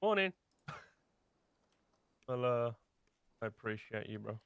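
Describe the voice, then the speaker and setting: A man's voice: mid-range voice, lively intonation, takes it slowly, fairly bright tone, smooth. A man chatting casually in a roleplay game, laid-back and slangy. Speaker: roleplay player.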